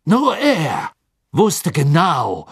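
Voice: medium pitch, wildly swooping pitch, extremely slow, gravelly, slightly rough, no room sound, studio quality, voice pushed up, full character voice. An audiobook reader voicing a cowardly male former follower who speaks hastily and breathlessly, stammering as he pleads. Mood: pleading. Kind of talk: audiobook character voice.

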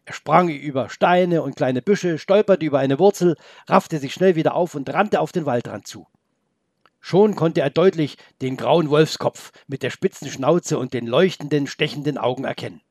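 Gravelly man reading a children's story. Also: fairly high pitch, moderate pace, a little mellow, dry recording, studio quality. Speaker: narrator.

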